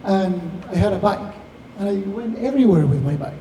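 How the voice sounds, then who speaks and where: An Argentinian tech founder in his 50s, a native Spanish speaker, speaks as a guest at a live Q&A, telling anecdotes. His voice is high and mellow, with lively intonation at a normal speed. He sounds distant, recorded in an echoey hall with faint noise.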